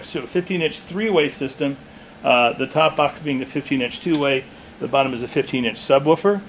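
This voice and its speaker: A man working as a loudspeaker distributor gives an informal, matter-of-fact demonstration of his products in an indoor demo room with a small stage. His voice is a little high, and the recording is rough with slight background noise.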